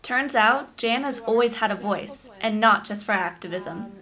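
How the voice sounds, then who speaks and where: A young woman reporter reading scripted news narration in a measured, even cadence. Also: a little high. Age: young adult. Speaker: student reporter.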